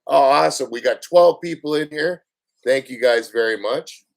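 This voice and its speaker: A man's voice: medium pitch, moderate pace, vocal fry. A man hosting a casual livestream, chatting loosely with viewers, with plenty of fillers and restarts. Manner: rambling, chatty, playful with viewers. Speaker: livestream host.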